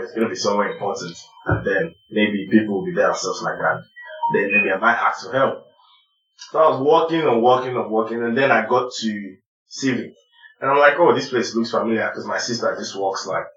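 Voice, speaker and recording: A young man tells a story in a relaxed, chatty way, animated and quick to laugh. His voice sits at an ordinary male pitch. The recording sounds roomy and a little dull. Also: slight background noise. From Nigeria. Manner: animated, laughing, acts out quotes. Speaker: podcast guest. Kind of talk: casual storytelling.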